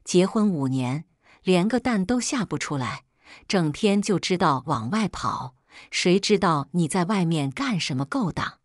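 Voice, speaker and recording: A scornful, domineering older mother-in-law who rants with lively swings of pitch and a sarcastic bite, as a woman reading the story puts her on. The voice sits fairly low and sounds dry and close, with no room around it. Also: measured pace, no room sound. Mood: sneering. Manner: sarcastic, scolding.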